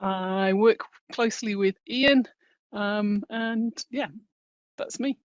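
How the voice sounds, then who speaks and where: A woman's voice: mid-range voice, slow, dry recording. A woman, a data science engineer, introducing herself informally in a work meeting.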